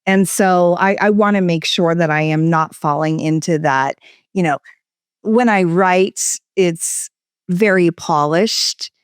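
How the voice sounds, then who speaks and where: A woman talks through her work as an interview guest, her pitch and pace rising and falling to keep the listener engaged. Her voice is smooth and clear. The sound is dry and close, with no room echo. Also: slow. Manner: varied, expressive inflection. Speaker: guest expert. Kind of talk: conversational interview. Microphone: studio microphone.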